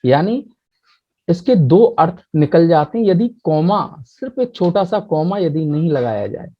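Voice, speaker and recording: A man teaching a commerce lecture in Hindi, explaining step by step and reading English definitions slowly. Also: on the high side, lively intonation. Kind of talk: classroom lecture. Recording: muffled lo-fi mic.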